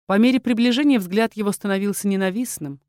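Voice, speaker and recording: A woman narrating a fantasy audiobook with a lively, dramatic reading. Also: medium pitch, fast, dry recording, studio quality.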